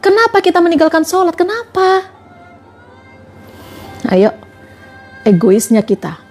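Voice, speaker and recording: A woman's voice: very high voice, very animated, a little slow, a little mellow, faint music behind. A woman giving a religious talk on a live stream, asking her listeners question after question. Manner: repetitive rhetorical questioning.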